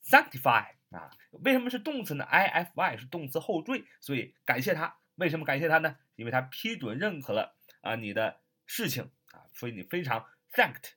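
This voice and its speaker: A man teaching English vocabulary in an online lesson, repeating and spelling words slowly and asking rhetorical questions. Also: a little high, very animated, pushed and bright, slightly rough.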